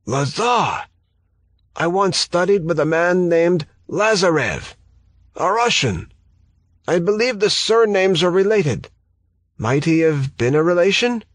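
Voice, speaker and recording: A man's voice: high voice, animated, slow, no room sound, clean studio sound, voice pushed up, full character voice. A man doing an aloof old scientist, Eastern European accent. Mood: aloof curiosity. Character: elderly male scientist, aloof and curious.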